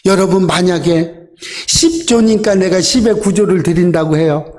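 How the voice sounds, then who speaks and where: A man's voice: sits high, animated, moderate pace, darkish tone. A male pastor giving a sermon, acting out the prayers of the faithful in a raised voice. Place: church sanctuary. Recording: long church hall reverb.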